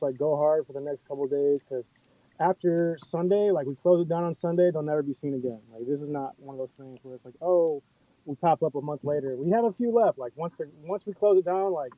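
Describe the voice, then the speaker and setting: A man with a somewhat high voice talks in a loose, easygoing way and swears now and then. He is driving, and his voice comes through a muffled, dull Bluetooth headset mic. The sound is lo-fi and muffled, as if he were underwater. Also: no echo. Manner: laid-back, loose, swears casually. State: driving in the rain. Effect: muffled car Bluetooth headset mic. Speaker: project founder on a live audio chat. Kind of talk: casual chat. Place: inside a car in the rain. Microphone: Bluetooth headset in a car.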